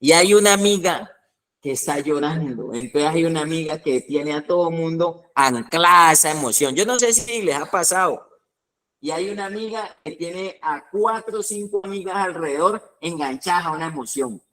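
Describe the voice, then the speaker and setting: A man preaching a teaching sermon, animated, acting out little scenes and asking his listeners questions. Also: a little high, normal speed. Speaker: pastor.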